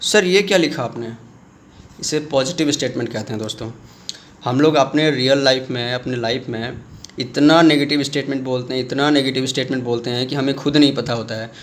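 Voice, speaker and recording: A man teaching a commerce lesson on video. He explains with everyday examples, calls his viewers friends, and acts out student questions in a lower voice. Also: fairly even intonation, brisk. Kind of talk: video lecture.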